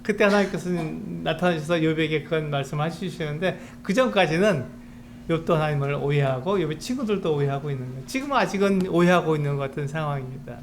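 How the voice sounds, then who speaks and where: Earnest high-voiced male pastor. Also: quick pace, a little hiss or hum. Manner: explaining earnestly with rhetorical questions. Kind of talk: sermon.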